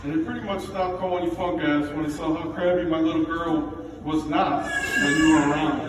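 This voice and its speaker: A middle-aged man giving an informal, heartfelt father of the bride speech to wedding guests, plainspoken and a little halting. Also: on the high side, fairly even intonation. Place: large reverberant indoor reception room with background noise. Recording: echoey noisy hall, picked up from far off.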